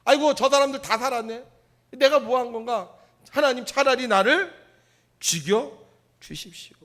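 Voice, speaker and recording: A man's voice: high-pitched, very animated, takes it slowly, full character voice. A male preacher voicing Jonah, a resentful grown prophet grumbling with self-pity during a sermon. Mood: bitter. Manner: grumbling, self-pitying complaints.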